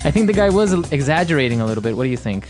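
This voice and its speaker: A man's voice: mid-range voice, sing-song, very fast, over music. A man co-hosting an English-learning podcast in a casual, easygoing way, laughing often. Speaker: podcast co-host, English teacher. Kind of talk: casual teaching chat.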